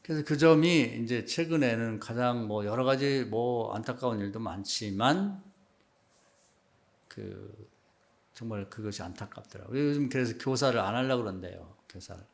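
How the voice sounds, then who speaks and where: A middle-aged man preaching a sermon as pastor, in a conversational style that rises to loud emphatic peaks and drops to quiet asides. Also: moderate pace, vocal fry. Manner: conversational preaching, acts out quoted remarks in a low hushed voice.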